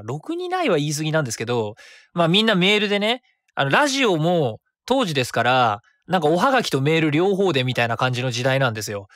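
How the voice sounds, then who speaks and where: Here a thirty-something man hosts a web radio show by himself, his slightly high voice rambling along quickly and animatedly as he revises what he's saying. There's no room sound, and the audio is clean studio quality.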